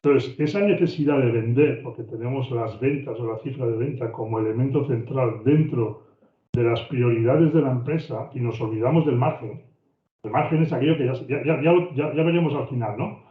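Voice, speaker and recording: A man with a Spain Spanish accent teaches an online business course, speaking at an everyday pitch. He talks conversationally, circling back and repeating words as he builds each point. The audio is thin and phone-like, with a roomy echo from the online call. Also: normal speed. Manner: conversational, often repeats words and restarts phrases. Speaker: business trainer. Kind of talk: online training lecture. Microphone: video call microphone.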